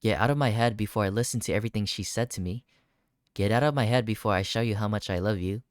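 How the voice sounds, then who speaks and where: A mid-pitched game streamer quickly reads a visual novel's narration and dialogue aloud during a playthrough, breaking off into startled reactions of their own. The recording is very dry, with no room sound.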